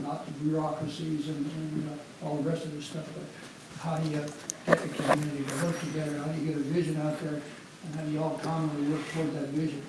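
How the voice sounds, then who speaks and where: A man in his sixties introducing himself at a community meeting in a rambling, hesitant way. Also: on the high side. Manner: rambling, hesitant, many fillers and restarts. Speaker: community member and former college administrator. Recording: echoey room, distant mic, background noise.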